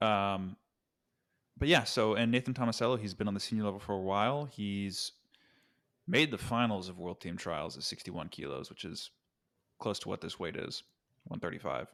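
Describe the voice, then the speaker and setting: Low-voiced man hosting a chatty podcast. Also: normal speed, a bit bright. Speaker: podcast co-host. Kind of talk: casual sports podcast chat.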